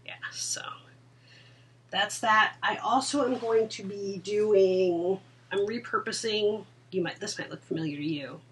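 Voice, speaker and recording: A woman co-hosting a casual podcast chat, laughing often and dropping into soft asides. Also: medium pitch, a little slow, distant mic, a little hiss or hum. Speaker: podcast co-host. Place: indoor room at home.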